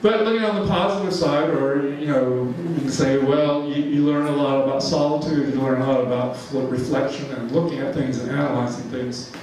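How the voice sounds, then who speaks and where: Giving a loose, rambling slide talk peppered with fillers and chuckles, a Georgia man in his seventies addresses a large church hall. He speaks fairly quickly with few pauses, in a medium-pitched, darkish voice of fairly even intonation. The mic sits far off in the echoey hall, and slight background noise comes through.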